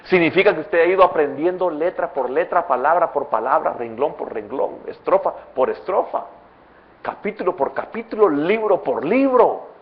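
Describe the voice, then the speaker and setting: A man from El Salvador with a Salvadoran accent, a pastor preaching a sermon in church, swinging between loud emphatic bursts and soft low asides. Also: lively intonation, normal speed, dull audio. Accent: Salvadoran Spanish.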